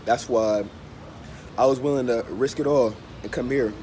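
Male vlogger, thirties, medium pitch, stuffy nose from a cold, halting casual chat, phone recording in a noisy open cafe. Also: fairly even intonation, mellow. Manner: unhurried, halting, often repeating phrases. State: under the weather with a cold. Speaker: travel and language vlogger. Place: open-fronted hostel bar or cafe. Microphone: phone held at arm's length. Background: street and vehicle ambience.

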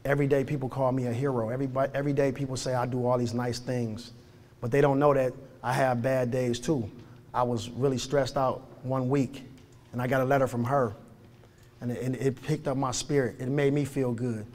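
A man's voice: medium pitch, little pitch movement, a little fast, darkish tone. A man from Detroit, a boxing gym founder and coach, speaking earnestly and plainly in a documentary, often repeating his phrases. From Detroit, USA. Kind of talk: documentary interview and talk to students.

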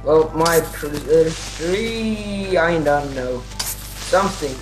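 A man's voice: a little high, very slow, music in the background. A man chatting casually while playing a game with friends, rambling and giggly and often trailing off. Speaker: game player. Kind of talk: casual gaming chat. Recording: noisy voice chat capture.

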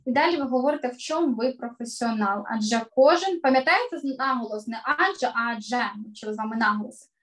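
Emphatic high-voiced woman teaching online. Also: lively intonation, fast. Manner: clear, emphatic teacher delivery, stresses key words. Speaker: voice coach teaching an online class. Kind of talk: online lesson to children.

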